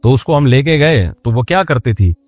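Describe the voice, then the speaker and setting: A man's voice: medium pitch, animated, normal speed, darkish tone, no echo. Guy preaching, chatty and jokey, dry close sound. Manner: conversational, jokes and asides to listeners. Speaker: Islamic preacher. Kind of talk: sermon.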